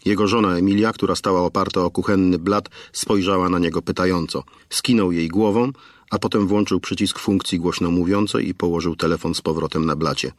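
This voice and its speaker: Low-voiced man narrating a crime story. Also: steady tone, brisk, no room sound, clean studio sound. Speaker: audiobook narrator. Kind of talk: scripted narration.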